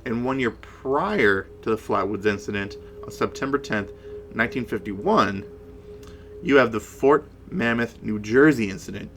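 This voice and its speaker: A man co-hosting a conversational paranormal case discussion, speaking in a halting way and repeating words. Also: lowish voice, fairly bright tone, slight background noise. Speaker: podcast co-host.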